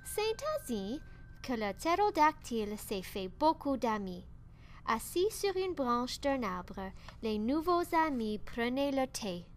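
Woman reading a kids' picture book, slightly high voice, really slow and careful, faint hiss behind. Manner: slow, careful, expressive read-aloud. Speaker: storybook reader.

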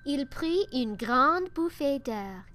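A woman reading a children's picture book aloud in a slow, careful, expressive way. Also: high-pitched. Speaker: storybook reader.

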